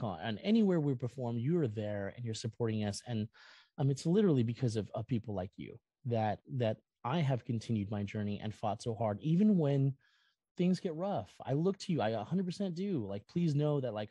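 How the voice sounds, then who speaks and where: The voice is a man's, mid-range, dark and slightly rough, recorded with no room sound. He's a middle-aged American from California, a musician and content creator appearing as a podcast guest. In a casual, personal interview he rambles about himself, earnest and effusive.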